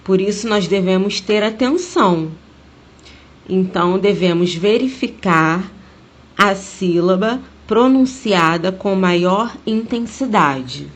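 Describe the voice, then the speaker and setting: A Brazilian woman teacher speaking Portuguese, giving a remote grammar lesson to her class, slowly stressing each example word. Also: medium pitch, animated. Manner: slow, deliberate, stressing words as she explains.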